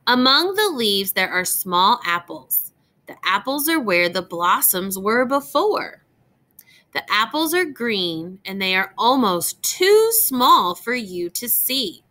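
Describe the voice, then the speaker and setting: Reading a picture book aloud to young children, a woman teacher speaks expressively and with clear enunciation at a medium pitch. She pauses now and then to explain things and ask questions.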